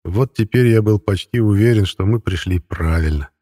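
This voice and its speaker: A man's voice: fairly low pitch, moderate pace, mellow, breathy edge, no room sound, clean studio sound. A man reading a first-person audiobook narration in a wry, ironic storytelling manner.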